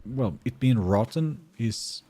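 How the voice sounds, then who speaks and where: Expressive and mellow, this medium-pitched male voice moves at a slow pace over a little hiss or hum. He's a Finnish-first-language streamer from Sweden with a Swedish accent, chatting casually during a game, thinking aloud and responding to viewers.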